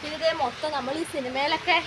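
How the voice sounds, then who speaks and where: Speaking fast with a high pitch and fairly even intonation, a woman vlogs about her travels on her phone. She chats casually, exclaims a lot, and calls her viewers guys. The clip starts on a sun-baked rooftop terrace and moves indoors, with loud noise in the background.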